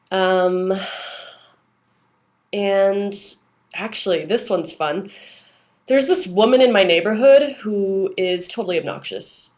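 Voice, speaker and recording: A young woman ranting casually about everyday annoyances in an exasperated, conversational and emphatic way. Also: fairly low pitch. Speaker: vlogger.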